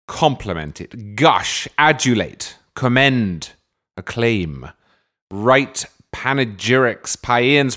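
A podcast host with a medium-pitched, somewhat bright voice opens with a scripted comic monologue before interviewing a guest. His manner is dry, wordy, and mock-grandiose.

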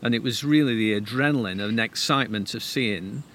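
A man's voice: medium pitch, fairly quick, fairly bright tone, slight background noise. A man, a tree expert, telling stories eagerly with frequent restarts. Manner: enthusiastic, stammering restarts. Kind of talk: casual conversation.

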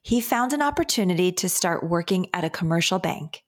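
A woman's voice: lowish voice, animated, a little fast, faint music behind. A woman hosting a podcast, reading polished scripted introductions and questions. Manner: polished, clearly read. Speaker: host.

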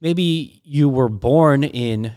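In a studio-quality, dry recording, a middle-aged pastor explores ideas in an informal teaching conversation using a warm, mid-range voice. He keeps stopping, restarting, and stammering as he goes.

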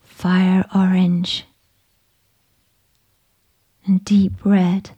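A woman whispering a slow, soothing guided meditation with gentle instructions. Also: fairly low pitch, completely flat delivery, breathy edge.

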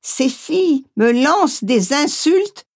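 Femme qui lit tranquille un récit de souvenirs, voix haute, prend son temps. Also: female voice, high-pitched, expressive, slow pace. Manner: reads gently, acts out quoted voices. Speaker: audiobook reader. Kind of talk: first-person memoir narration.

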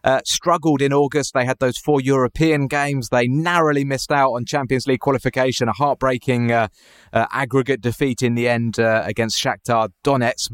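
A man's voice: medium pitch, clean tone, dry recording, clean studio sound. A man hosting a football podcast in a conversational presenting style. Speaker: podcast host.

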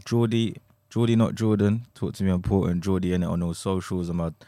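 A man's voice: deep voice, level tone, brisk, mellow, dry recording. A man from Essex with a London accent, chatting in casual slang as a podcast guest. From Essex, England.

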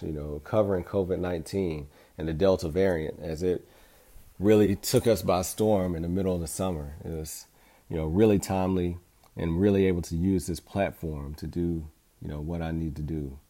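This middle-aged podcast host has a low, warm voice. He delivers a reflective motivational monologue in an earnest, encouraging way.

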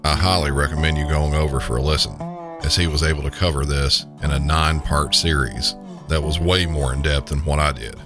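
A man with a deep Southern US accent, hosting a podcast in scripted true crime narration. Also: fairly even intonation, fairly quick. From southern United States. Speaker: podcast host. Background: guitar music.

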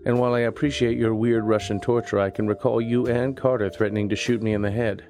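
A man narrating and voicing a private investigator in a noir audio drama, with a dry, deadpan wit. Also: fairly low pitch, fast talker, soft background music.

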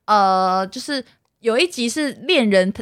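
A woman with a Taiwanese Mandarin accent chatting casually as a podcast host, telling stories in an animated way and acting out quotes. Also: on the high side, measured pace, clean tone, dry recording, clean studio sound. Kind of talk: casual chat.

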